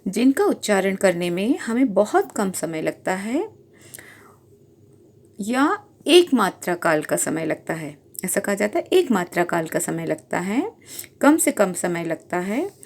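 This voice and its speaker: Slow, lively-voiced woman teaching. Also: mid-range voice. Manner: explains patiently, repeats points, draws out sounds. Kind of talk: Hindi grammar lesson.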